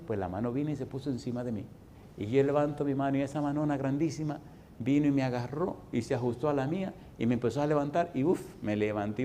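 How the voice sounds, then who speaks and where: A Dominican man in his sixties preaching a sermon, swinging from loud exhortation to hushed, folksy storytelling. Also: medium pitch, a little hiss or hum. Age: 60s. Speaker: pastor.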